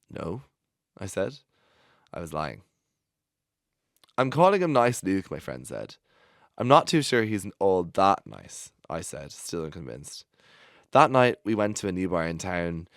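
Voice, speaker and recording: A man, a podcast host, reading a personal story aloud in a studio, expressive and breaking into laughter now and then. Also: low-pitched, dry recording. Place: recording studio.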